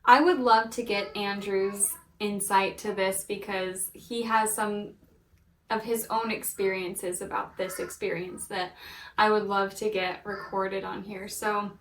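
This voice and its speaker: A woman's voice: medium pitch, steady tone, measured pace, a bit bright, a little hiss or hum. A woman in her thirties telling the story of her baby's birth in a casual, gushing way, laughing often. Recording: echoey room, mic at a distance.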